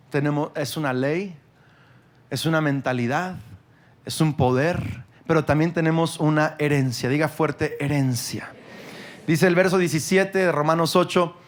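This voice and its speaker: A middle-aged man preaching a sermon, swinging from loud emphasis to hushed tenderness. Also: a little high. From Mexico. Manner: emphatic, rises loud then drops soft. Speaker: pastor.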